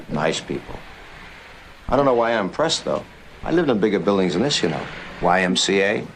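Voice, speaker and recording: A man's voice: lowish voice, very animated, moderate pace, a little hiss or hum, rough recording. An actor playing a weary male burlesque comedian who talks in dry, self-mocking wisecracks, in 1950s film dialogue. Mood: wry. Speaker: burlesque comic. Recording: 1950s film soundtrack with music.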